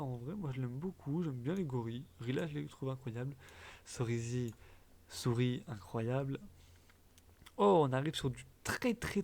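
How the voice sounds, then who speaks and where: Chatty young man with gravelly voice. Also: medium pitch, a little mellow. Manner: chatty, blunt quick verdicts, trailing fillers. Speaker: gaming YouTuber. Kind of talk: casual commentary.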